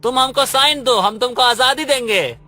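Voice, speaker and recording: Brief: man as a high, bright, whiny cartoon henchman, soft music under. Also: normal speed, heavily acted. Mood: menacing. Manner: whiny and rustic. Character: dim-witted male goon sidekick, complaining. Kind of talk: cartoon voice acting.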